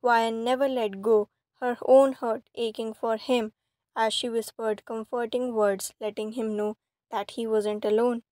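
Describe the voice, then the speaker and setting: Brief: female storyteller, slightly high voice, flat steady delivery, dry close recording. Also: unhurried, no room sound. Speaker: fan fiction reader. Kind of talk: storybook narration.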